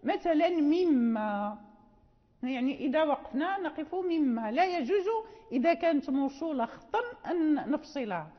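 High-voiced woman teaching in an echoing hall. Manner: explanatory, with frequent fillers and repetitions. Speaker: Quran recitation teacher. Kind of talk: classroom lecture. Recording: dull lo-fi recording in a reverberant hall.

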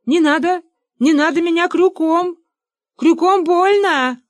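An audiobook reader voicing a timid little male ruler who whines and pleads in a raised, high voice. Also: measured pace, dry recording. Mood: whining, pleading. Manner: whiny, pleading. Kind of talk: audiobook character voice.

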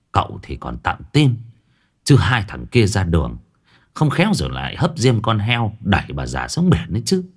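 Male ghost story narrator, low voice, lively telling. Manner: vivid, colloquial storytelling.

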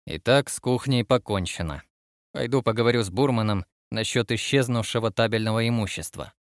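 A man's voice: mid-range voice, a little fast, no echo, clean studio sound, close to an everyday voice. A man reading the part of a fussy, stubborn male starship captain going through an inventory list, speaking with a methodical, bureaucratic manner. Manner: patient then exasperated, bureaucratic.

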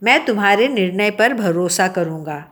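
A woman's voice: mid-range voice, animated, normal speed, natural voice. A woman voicing a gracious, kindly king. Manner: gentle, reassuring. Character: kind, gracious male king.

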